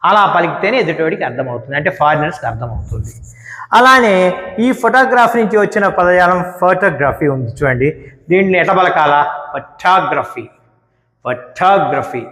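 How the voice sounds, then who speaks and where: A man teaching English word stress, explaining slowly and repeating each example word. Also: high-pitched, sing-song, bright, forceful tone. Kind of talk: spoken grammar lesson. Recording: echoey room with long reverb.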